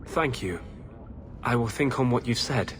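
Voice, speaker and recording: A man's voice: medium pitch, expressive, measured pace, fairly bright tone, slight background noise. A man playing a troubled, idealistic rebel mage in a video game, speaking in an earnest and urgent way. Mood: subdued, troubled.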